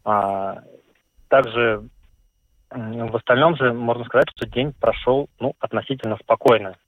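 A man's voice: mid-range voice, fairly even intonation, unhurried, no room sound. A male radio correspondent giving a live news report by phone, hesitant and full of fillers. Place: city in eastern Latvia. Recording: tinny phone line.

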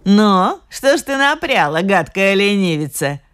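A woman's voice: low-pitched, a little slow. A woman voicing a cruel old witch who hisses threats and barks commands. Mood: menacing. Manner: hissing, menacing commands.

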